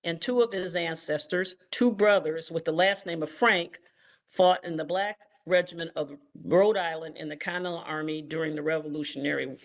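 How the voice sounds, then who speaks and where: An older woman from Ohio giving an online history lecture as guest author, measured and filled with ums and uhs. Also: on the low side. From Toledo, Ohio, US. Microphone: video call.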